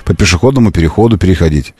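A man's voice: low-pitched, racing, breathy edge, dry recording, clean studio sound. A man co-hosting a radio talk show, chatting casually with a playful, ironic edge. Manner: ironic, playful, animated storyteller. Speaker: radio co-host.

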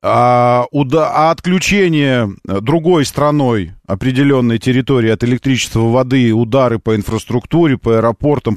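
A man hosting a car phone-in show with a lively, swinging intonation. He argues emphatically and repeats key phrases, in a conversational monologue recorded very dry and close. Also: mid-range voice, dry recording. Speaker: radio call-in show host. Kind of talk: live car talk radio, conversational monologue. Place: radio studio.

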